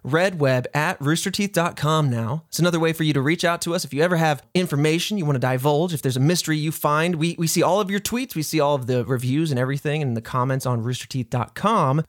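A man's voice: a little high, no room sound, studio quality. A man hosting a podcast, explaining a story in a casual, conversational way. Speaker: podcast host.

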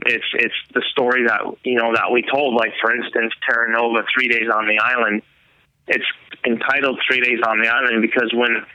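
A man talks through how he makes his films, rambling with fillers and restarts. His voice is very bright and forceful. The recording is dry, with dull lo-fi sound. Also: medium pitch, dry recording. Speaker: hunting filmmaker guest. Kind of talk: casual interview talk.

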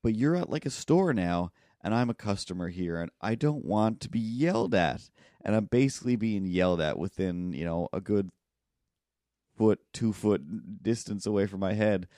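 A man, co-hosting a podcast, telling a long rambling story in casual chat and acting out people yelling in loud bursts. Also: lowish voice, animated, moderate pace, dry recording, clean studio sound. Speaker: podcast co-host.

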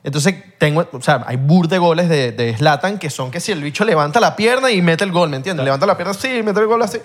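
A man's voice: fairly high pitch, animated, quick pace. A man with a Venezuelan accent co-hosting a casual podcast, easygoing and chiming in with agreement. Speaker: podcast co-host.

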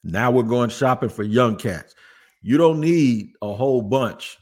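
A man's voice: medium pitch, unhurried, darkish tone. A man hosting a sports podcast, talking through roster moves in a casual, conversational way and often repeating words for emphasis. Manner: conversational, thinks aloud with restarts and emphatic repeats. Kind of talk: casual sports talk with host-read ads.

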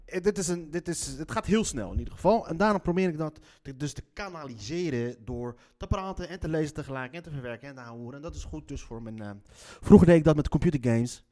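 A man's voice: fairly high pitch, animated, quick pace, few pauses, warm tone. A man with a slightly Moroccan-tinged Leiden accent, hosting a show and reading the newspaper aloud in loose, rambling chat full of swearing and tangents. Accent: Leiden Dutch, slightly Moroccan-tinged.

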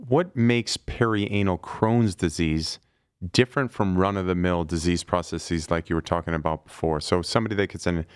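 Low-voiced podcast host asking questions. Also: male voice, moderate pace, clear, resonant tone, no echo, studio quality. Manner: friendly, conversational questioning. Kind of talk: podcast interview.

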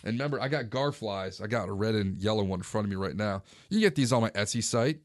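A man in his forties, a fishing vlogger, casually recounting a day on the river in a relaxed, conversational way. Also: lowish voice, quick pace, dry recording, studio quality. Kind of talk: casual first-person storytelling.

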